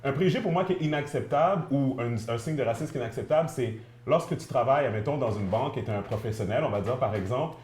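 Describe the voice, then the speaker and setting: A man's voice: medium pitch, animated, fast, hardly any pauses, a little mellow, a little hiss or hum. A man in a casual panel discussion, talking in a thoughtful, rambling way with many fillers. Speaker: panel guest. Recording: echoey room.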